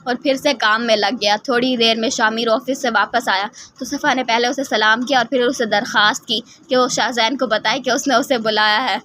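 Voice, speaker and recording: A woman narrating an audio novel in a steady, plain reading style. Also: on the high side, few pauses, no echo. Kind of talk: scripted narration.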